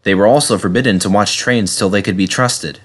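A man narrating a children's storybook aloud in a lively, expressive way. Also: on the low side, a little fast, husky. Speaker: reader.

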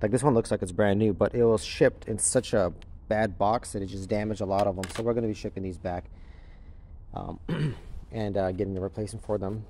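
Fairly quick and fairly even in intonation, this low, mellow male voice belongs to a crypto mining farm operator filming his own casual, unscripted walkthrough on a handheld camera or phone. He explains matter-of-factly while moving through a large warehouse with a concrete floor, with slight background noise.

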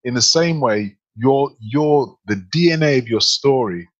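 Man, podcast co-host, husky voice, emphatic and animated, slightly muffled recording. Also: mid-range voice, a little slow. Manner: animated, emphatic, full of rhetorical questions. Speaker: podcast co-host, speaking coach. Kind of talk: casual podcast chat.

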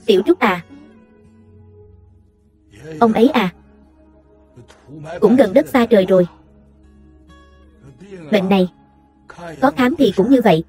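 A woman reading a voice-over for a dubbed drama, voicing every part in a steady read-out delivery. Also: medium pitch, slow pace, long pauses, soft background music. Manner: steady read-out delivery across all parts.

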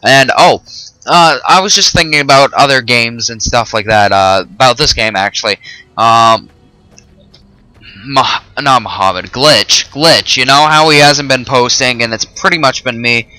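A man rambling through a let's-play video, swearing casually as he chats with viewers. His voice is bright and crisp. It is recorded close and dry, with no room sound. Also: medium pitch, a little slow, dry recording, low-quality recording. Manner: rambling, full of fillers and swearing. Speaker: host of a gaming channel.

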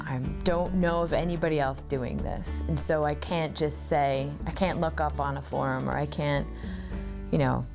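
An American artist in her thirties, with a low voice, speaks thoughtfully about her work during an interview. She's recorded on a lapel mic in her cluttered home studio.

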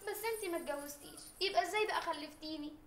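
A woman's voice: very high voice, racing, echoey room. An actress playing a naive, chatty young woman, speaking with an Egyptian accent and asking questions one after another. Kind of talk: TV drama acting.

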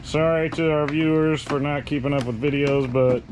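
A man's voice: on the high side, fairly even intonation, normal speed. A young man chatting casually and upbeatly, commenting on a model railroad building and asking questions. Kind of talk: casual chat on a hobby video. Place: garage and train room, indoors. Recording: noisy home video audio.

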